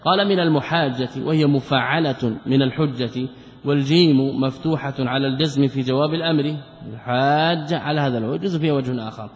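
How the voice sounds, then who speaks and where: A man's voice: medium pitch, quick pace. A man, a sheikh, explaining a classical religious text in a lesson. He poses rhetorical questions, answers them himself, and repeats key words for emphasis. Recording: dull lo-fi recording with long hall reverb.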